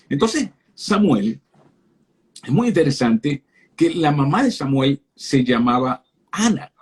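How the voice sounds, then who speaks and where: Very husky-voiced man preaching fervently. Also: medium pitch, darkish tone. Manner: fervent, speaks directly to listeners; repeats words when starting phrases. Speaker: guest speaker. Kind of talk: preaching on a live stream.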